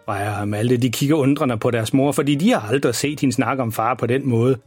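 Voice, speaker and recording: A man narrating a children's bedtime story in a measured storytelling manner. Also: mid-range voice, husky, no echo, faint music behind.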